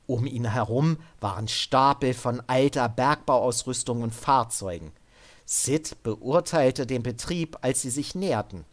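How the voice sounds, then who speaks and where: A man narrating a translated adventure story, stopping now and then to add loose comments of his own. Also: medium pitch. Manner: breaks off to add casual comments. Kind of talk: reading a translated story aloud.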